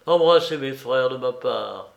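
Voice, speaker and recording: A man's voice: mid-range voice, animated, a little slow, gravelly. Man voicing a desperate condemned prisoner. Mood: bitter desperate. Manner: irritated, desperate. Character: condemned young man, shivering, irritable and desperate.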